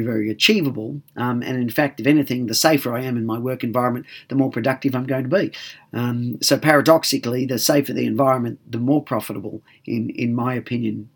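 A man giving workplace advice in a calm, measured way. He talks at an ordinary pitch, pausing often on filler sounds, and restarts and repeats words as he thinks aloud. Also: slightly rough. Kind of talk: advice talk.

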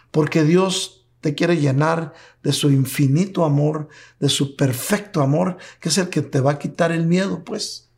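A man preaching a sermon with fervent emphasis, slowing into drawn-out pleading phrases and rising when he voices God's words. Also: fairly high pitch.

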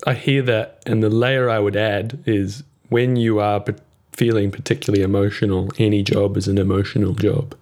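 Casting: thoughtful male podcast host, lowish voice, gentle, reflective delivery. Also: little pitch movement, normal speed. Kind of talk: reflective conversation.

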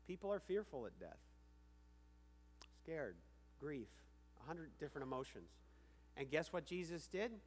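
A man's voice: fairly high pitch, a bit bright. Emphatic male pastor in a reverberant hall. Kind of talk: sermon.

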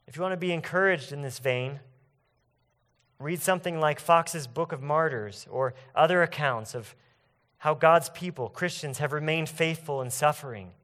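A man preaching a sermon in an earnest, emphatic way, slowing down to stress key phrases. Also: on the high side, fairly bright tone. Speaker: pastor.

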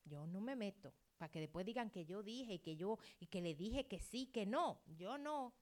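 A middle-aged woman pastor preaching a sermon, acting out quoted dialogue and swinging between loud outbursts and hushed asides. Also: mid-range voice, expressive, normal speed.

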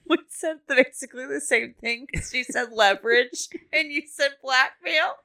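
A woman's voice: high voice, unhurried, sharp tone. A woman playing a tabletop game, giggly and casually swearing. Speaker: player.

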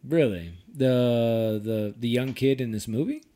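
A man hosting a casual podcast, animated and laughing often, swearing freely. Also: medium pitch, unhurried. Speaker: podcast host.

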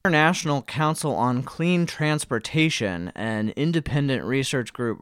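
An American podcast host with a mid-range voice, fighting a cold that gives him a slightly wheezy edge, runs through the news with wry, tongue-in-cheek asides. The sound is clean studio quality with no echo.

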